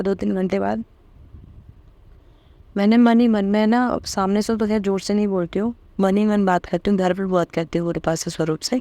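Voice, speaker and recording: Devout woman sharing, warm mellow voice. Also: medium pitch, dry recording. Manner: emotional, repeating words of thanks softly. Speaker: devotional satsang host. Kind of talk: devotional testimony talk.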